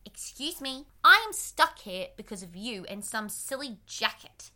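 Polite helpful young girl, courteous, bright tone, a woman reading. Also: a little high, big pitch swings, unhurried, exaggerated voice. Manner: polite, pleading.

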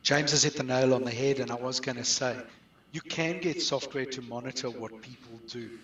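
As a guest outsourcing business expert, a middle-aged man with a South African accent answers interview questions conversationally at a moderate pace. His mid-range voice is a bit bright, and the recording carries roomy echo, the mic far off.

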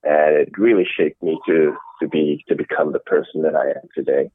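A middle-aged man from the Netherlands answering interview questions in a measured way, often restarting his sentences. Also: extremely low pitch, fairly even intonation. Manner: measured, with frequent restarts and fillers. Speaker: interview guest, innovation executive. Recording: dry, tinny phone-like call audio.

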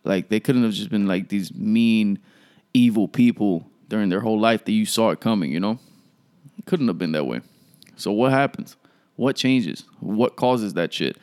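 A man's voice: lowish voice, normal speed, darkish tone, clean tone. A young man, ranting casually and profanely as a podcast host, full of "like" and "yo.". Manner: profane, rambling, frequent "like" and "yo".

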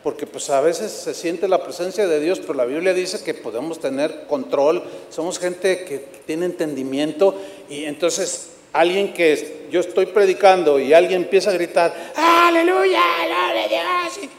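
A male pastor preaching a sermon, telling stories with animated delivery and acting out his congregation's shouts. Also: a little high, moderate pace. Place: church sanctuary. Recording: echoey church hall.

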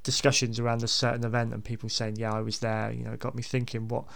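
This podcast host talks fast and unscripted, his casual speech full of creaky fry with little pitch variation. He meanders hesitantly and keeps repeating words.

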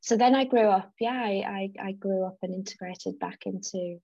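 In a casual interview chat, this podcast guest, a woman in her 30s who grew up in South Africa and North East England, talks chattily, laughs easily and frequently restarts her sentences. Her mid-range voice is mellow at a normal speed, and the recording sounds dull with no room sound.

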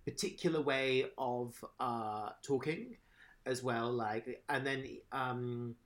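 A man in casual podcast chat, rambling and animated, swearing now and then. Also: medium pitch, slow pace.

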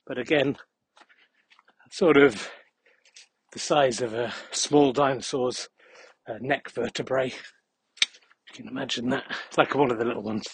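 A man's voice: medium pitch, steady tone, unhurried, pauses often, breathy edge, no echo. A man hosting a podcast as a casual, rambling monologue while walking outdoors on a country path. He is out of breath and adds dry, jokey asides. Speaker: podcast host.

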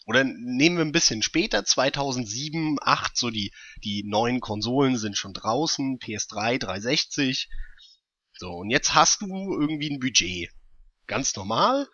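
A man's voice: medium pitch, expressive, moderate pace, bright, forceful tone, no room sound, highs cut off. A man co-hosting a casual gaming podcast, explaining his points through hypothetical scenarios. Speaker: podcast co-host.

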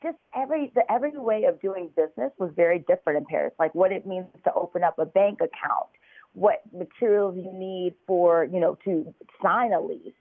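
This is a chatty American woman, heavy on fillers, telling her story as a guest in a phone interview. She has a fairly low pitch and a slightly quick pace, recorded dry with a tinny line quality.

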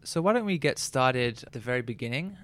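A man's voice: medium pitch, expressive, fairly quick, fairly bright tone. A man hosting a podcast, introducing his guest and asking easygoing questions. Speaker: podcast host. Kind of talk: podcast interview.

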